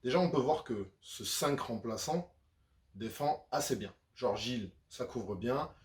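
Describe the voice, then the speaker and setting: Male video host, chatty sports breakdown, mid-pitched, echoey room. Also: lively intonation, unhurried. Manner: chatty, conversational with frequent fillers. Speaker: basketball YouTuber. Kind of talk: casual sports analysis.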